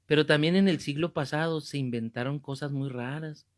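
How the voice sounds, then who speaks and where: Animated preacher, fairly high voice. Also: male voice, normal speed. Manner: animated, joking, rebuking. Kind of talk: sermon with comic storytelling.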